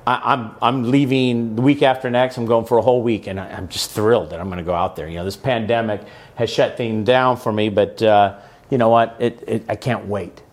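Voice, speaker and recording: A man's voice: fairly low pitch, steady tone, fairly quick. Chatty middle-aged male podcast host. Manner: chatty, upbeat, asks lots of questions. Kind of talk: casual interview chat.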